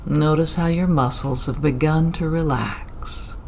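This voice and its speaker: A calm meditation guide talks at a very unhurried pace, stretching out each phrase and leaving long pauses between lines. The voice sits at an ordinary middle pitch. A steady wash of ambient sound is clearly heard behind it. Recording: clear ambient background noise.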